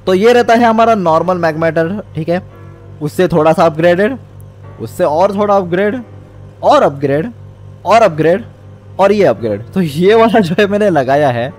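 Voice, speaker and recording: Young male gamer host, a bit higher voice, casual step-by-step commentary over faint music. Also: a little mellow. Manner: explains step by step, mixes English words into speech. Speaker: gaming channel host.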